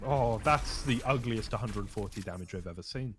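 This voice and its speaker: Over a noisy background, a man with a fairly low voice casts a live esports match at a moderate pace. He jokes, swears and trades loose, lively banter with his co-caster.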